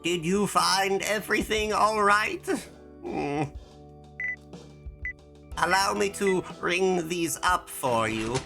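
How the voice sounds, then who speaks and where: A woman's voice: on the low side, takes it slowly, creaky, long pauses, fairly bright tone, soft background music, exaggerated voice. A woman doing a stiff alien faking being human. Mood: formal. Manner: stilted, overly formal speech with musing hums. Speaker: streamer playing a shop game.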